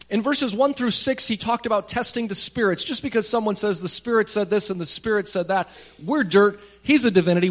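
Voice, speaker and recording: Man, pastor, preaching a sermon, pulpit microphone, church, conversational, light humor, slightly high voice. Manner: plain, conversational preaching with light jokes to the congregation. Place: church sanctuary.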